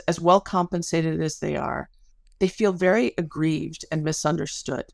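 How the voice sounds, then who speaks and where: A woman being interviewed describes her research in a storytelling way, full of casual asides and vivid wording. Her voice is low and distinctly creaky, and the dry recording carries no sense of the room.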